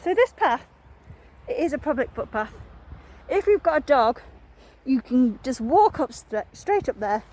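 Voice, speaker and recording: A high-pitched woman leads a property tour with chatty enthusiasm, talking straight to the viewer. She sounds slightly out of breath from wearing a mask. The recording comes from a handheld phone, moving between rooms and the garden. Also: big pitch swings, a little slow, darkish tone. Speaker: estate agent. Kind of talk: walk-through property tour. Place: house and garden, indoors and outdoors.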